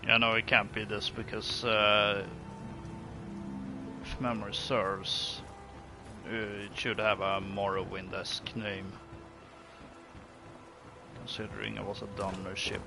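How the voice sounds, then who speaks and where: A man's voice: fairly low pitch, little pitch movement, slow, vocal fry, pauses often. A man giving casual let's play commentary, musing and thinking aloud in a hesitant way. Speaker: gaming video host. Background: game music.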